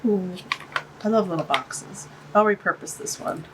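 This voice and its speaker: In a noisy background, a woman with a medium-pitched, congested voice speaks at normal speed while unboxing art supplies for her casual vlog. As an art channel host she's chatty and gushing, cooing over tiny things. The camera looks down on a tabletop in her home art studio, with sound from a camera-mounted shotgun mic.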